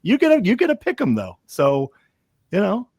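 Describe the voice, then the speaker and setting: A man's voice: high-pitched, wildly swooping pitch, moderate pace, darkish tone, breathy edge, no echo, studio quality. A man hosting a sports podcast, asking loose questions and joking with his guest. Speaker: podcast host. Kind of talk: casual podcast chat.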